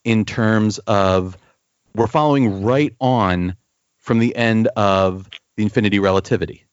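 A man's voice: lowish voice, unhurried, no room sound. A man co-hosting a casual comics chat, enthusiastic and often repeating words while he searches for the phrasing. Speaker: podcast co-host discussing comics. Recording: dull, dry lo-fi sound.

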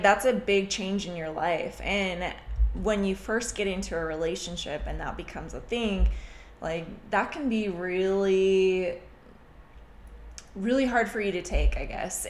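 Female co-host, casual and reflective, slightly low voice, roomy sound. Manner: reflective, explaining, laughs easily. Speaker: podcast co-host. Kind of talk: casual couple chat. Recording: echoey room.

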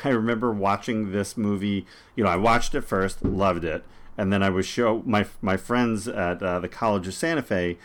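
A man in his forties hosting a casual film podcast, rambling and laughing often. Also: low voice. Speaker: podcast host.

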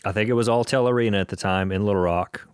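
A man's voice: fairly low pitch, fast talker, clean tone, no echo, studio quality. A man hosting an interview podcast, chatting casually and recalling concerts like a fan. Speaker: podcast host.

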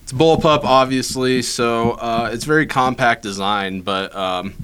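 A man's voice: medium pitch, a little slow, a bit bright, slight background noise. A man co-hosting a gun-rights show in casual, conversational chat.

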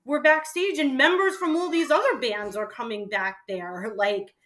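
Speaking at a moderate pace in a high voice, a middle-aged woman guest recalls her days hosting college radio. Her telling is relaxed yet animated and forceful, laced with frequent "like"s.

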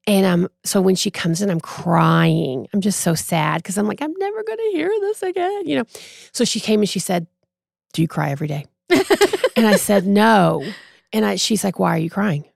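A woman in her forties, a podcast guest, telling a personal story in a casual, animated way and acting out what others said. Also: lowish voice, normal speed, vocal fry, no room sound, studio quality. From Texas. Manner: animated, acts out quoted voices.

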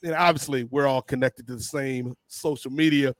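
A man's voice: medium pitch, fairly even intonation, normal speed, dry recording. A man hosting a podcast in casual chat, rambling and joking as he passes questions to guests. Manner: rambling, joking, laughs at his own jokes. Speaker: podcast host.

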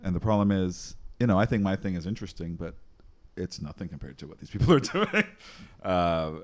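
A man's voice: sits low, lively intonation, brisk. A man in his forties from Trinidad, a physician and researcher talking casually as an interview guest, with frequent laughs and many ums and restarts. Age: 40s.

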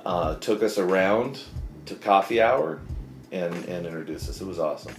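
A man's voice: low voice, expressive, normal speed, creaky, echoey room, soft background music. A man hosting a podcast, talking casually and jokily with lots of "like" and "uh". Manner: chatty, jokey, many fillers like "like" and "uh". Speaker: podcast host. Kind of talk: casual interview chat.

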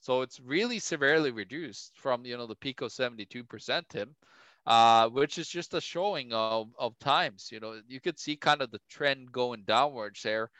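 Bright, crisp-voiced chatty man. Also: mid-range voice, normal speed, no room sound. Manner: chatty, heavy on "like" and "you know", laughs often. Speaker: co-host. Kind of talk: casual podcast chat.

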